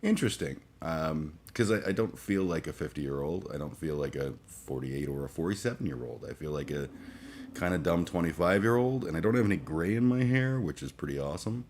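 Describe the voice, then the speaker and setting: Man in his forties, booming low voice, groggy, halting with fillers, faint room hum. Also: animated, a little mellow. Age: 40s. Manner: halting, many fillers and restarts, profane. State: groggy after a late night. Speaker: livestream host. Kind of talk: casual rambling chat.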